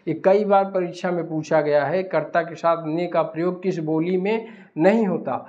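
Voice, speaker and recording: Slow-paced man teaching a class. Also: sits high, a little mellow. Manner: slow, repeats questions and answers them himself. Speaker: Hindi teacher. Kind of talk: blackboard lecture. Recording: dull lo-fi recording.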